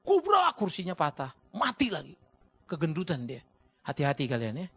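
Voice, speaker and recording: A middle-aged Indonesian man preaching a sermon as a pastor, swinging between loud shouting and low asides, acting out quoted voices. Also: lively intonation, brisk, husky.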